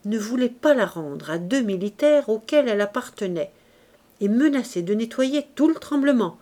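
A classic novel gets an audiobook treatment from a woman reading expressively and at a measured pace, her pitch sitting in the medium range.

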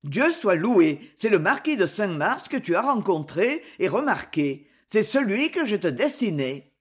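A woman reading an audiobook, voicing a proud, ambitious aging duke speaking to his daughter in a grave, forceful tone. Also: medium pitch, sing-song, measured pace, husky. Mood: relieved.

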